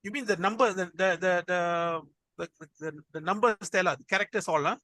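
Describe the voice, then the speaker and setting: Malaysian guy teaching a class, slangy english w lots of lah, higher bright voice, dry sound. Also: normal speed, no echo. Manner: colloquial Malaysian English with 'lah' particles. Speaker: programming instructor. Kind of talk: informal lesson.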